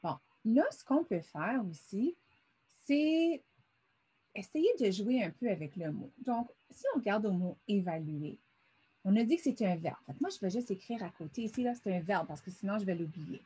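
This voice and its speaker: A woman's voice: medium pitch, lively intonation, moderate pace, mellow, husky. A middle-aged woman teaching a vocabulary lesson over a screen, patiently sounding words out syllable by syllable.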